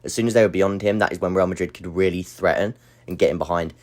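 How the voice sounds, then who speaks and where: A man's voice: deep voice, fairly even intonation, fast talker. A man hosting a football analysis channel, explaining tactics step by step in a voice-over, slightly breathless.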